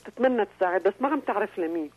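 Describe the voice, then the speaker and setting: A woman's voice: mid-range voice, expressive, rapid-fire, darkish tone. A woman caller with a Levantine Arabic accent chatting casually over a radio phone line.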